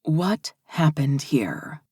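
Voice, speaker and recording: A woman voicing a calm, firm young woman. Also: sits low, a little slow, no room sound, clean studio sound. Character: firm, composed young woman taking charge.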